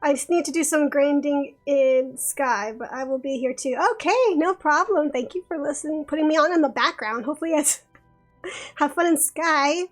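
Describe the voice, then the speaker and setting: Giggly high-pitched woman streamer reading game narration, soft music underneath. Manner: giggly and chatty, reads narration slowly. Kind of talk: reading a visual novel aloud on stream.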